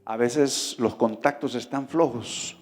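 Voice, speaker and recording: In a reverberant church hall with faint music behind him, a pastor preaches slowly in a mid-range, slightly mellow voice. His sermon is conversational, and he often asks the congregation questions.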